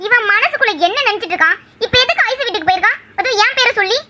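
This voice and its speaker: A woman voicing a sharp-tongued young woman, a bossy sister in an animated cartoon drama, talking in a confrontational way. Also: extremely high pitch, very fast, slight background noise, heavily acted. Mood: angry. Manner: confrontational, snappy.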